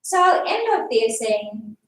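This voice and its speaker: A woman's voice: a little high, very animated, measured pace. A South African woman speaking earnestly and emphatically as a panelist in a live discussion. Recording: echoey hall, far from mic, faint noise.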